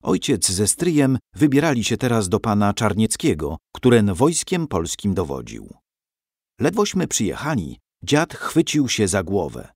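Male storybook narrator, low and very animated, dry close recording. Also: a little slow, husky, dry recording. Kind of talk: storybook reading.

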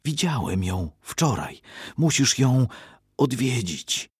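A man voicing a thirteen-year-old boy messenger who is wounded and dazed, speaking faintly and haltingly. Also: mid-range voice, big pitch swings, husky, no echo, studio quality, pitched above the performer's own voice, full character voice. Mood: urgent.

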